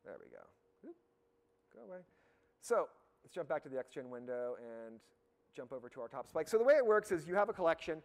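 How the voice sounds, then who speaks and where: Slightly hoarse man giving a casual demo. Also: fairly high pitch, fast talker. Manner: casual and upbeat, with many fillers and restarts. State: slightly hoarse, losing his voice. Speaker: product expert giving a software demo. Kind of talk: live software demonstration.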